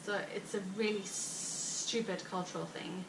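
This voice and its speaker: Talking casually to her viewers, a heavily pregnant South African vlogger with an Afrikaans accent rambles along, peppering her speech with fillers and quick laughter. Her mid-range voice is gravelly and far from the mic, in a roomy room with constant noise underneath.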